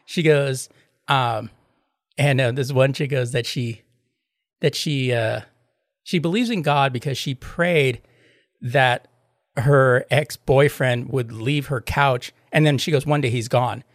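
Guy on a podcast rambling thru a story, does the he-said she-said, medium pitch, dry sound. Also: slow pace, no echo. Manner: rambling, acts out both sides of retold exchanges in reported dialogue. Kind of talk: casual chat, retelling anecdotes.

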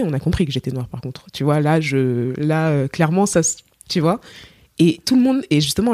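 A young woman from Cameroon, a singer, chatting as a podcast guest and telling her story with lively acted-out quotes and many fillers. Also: deep voice, dry recording, clean studio sound. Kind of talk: casual interview chat.

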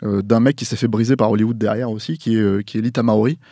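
A man on a panel talking casually about a film he loves, rambling and halting, often correcting himself. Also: fairly low pitch, fairly even intonation, dark tone, no room sound, clean studio sound. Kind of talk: casual film recommendation chat.

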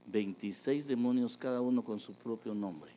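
A man preaching a testimony, telling a story with lively energy and acting out the people he quotes. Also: mid-range voice, moderate pace, a little hiss or hum, rough recording. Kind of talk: sermon testimony.

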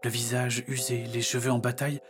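Guy narrating a story, mid voice, steady and vivid, soft music under it. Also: medium pitch, fairly quick.

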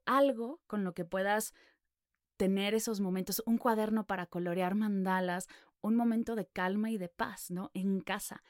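Woman host asking warm follow-ups. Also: medium pitch, no room sound, studio quality. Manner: affirming, asks follow-up questions. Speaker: podcast host. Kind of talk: conversational interview.

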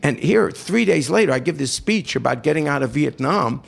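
A man's voice: a little high, moderate pace, vocal fry. An older man from New York, hosting and telling a long personal story with quoted voices. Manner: animated anecdote with quoted voices. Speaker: host.

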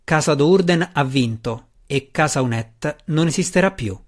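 A man reading the part of an old, withered and powerful dark elf matron mother, calm and commanding. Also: fairly high pitch, a little slow. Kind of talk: audiobook reading.

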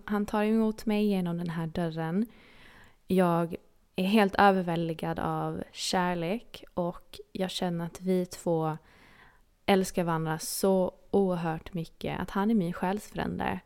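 Swedish-speaking woman telling a story, creaky. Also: fairly low pitch, a little mellow. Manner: earnest, intimate, dropping to near-whispers at intense moments. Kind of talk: personal storytelling.

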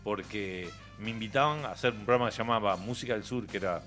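A man's voice: lowish voice, quick pace, a bit bright, faint music behind. A middle-aged man with a Uruguayan accent, chatting as a radio guest, telling anecdotes with frequent laughter and restarts. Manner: chatty storyteller, laughs often, many restarts. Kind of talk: relaxed radio conversation. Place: radio studio.

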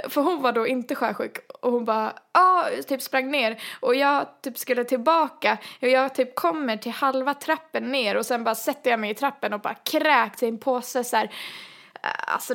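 A fairly high-voiced woman telling a story in relaxed conversation. She is animated, leans on fillers, and acts out the lines of the people in her story. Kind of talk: casual chat, storytelling.

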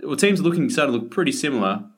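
A man's voice: on the high side, big pitch swings, rapid-fire, husky. An Australian man presenting a sports podcast as host, in a casual conversational style.

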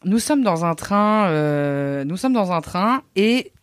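A woman talking as a podcast guest in casual chat, telling a story in a relaxed, joking way with lots of hesitant fillers. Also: on the low side, takes it slowly, clean tone, no room sound, studio quality.

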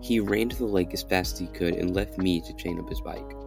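With music playing underneath, a young adult podcast host narrates a horror story he wrote, dramatically and in the first person. His voice is deep and gravelly, and he speaks a little fast.

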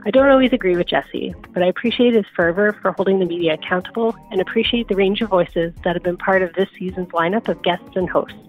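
Quick-talking woman, slightly dull recording. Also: fairly low pitch, faint music behind. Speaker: listener giving a testimonial. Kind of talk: prepared testimonial read aloud.

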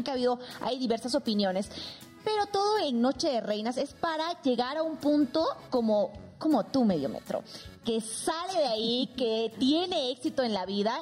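A woman from Bolivia co-hosting a casual podcast chat, playful and teasing with quick interjections. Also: a little high, darkish tone. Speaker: co-host.

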